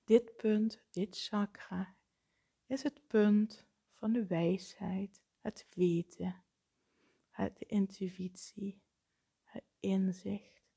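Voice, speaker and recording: A woman leading a guided meditation, speaking softly with frequent breathy, half-whispered phrases. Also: mid-range voice, fairly even intonation. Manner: slow, soft-spoken, often breathy and whispered.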